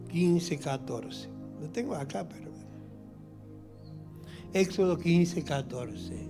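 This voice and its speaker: A middle-aged man with an Argentine accent, preaching a sermon as pastor in an animated, humorous way that acts out little scenes. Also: sits high. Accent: Argentine Spanish.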